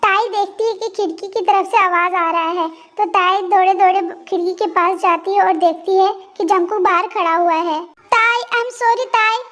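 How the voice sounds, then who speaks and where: Very high-voiced woman narrator. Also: fairly even intonation, normal speed, few pauses, fairly bright tone. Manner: plain storytelling. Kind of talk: fan-dubbed story narration.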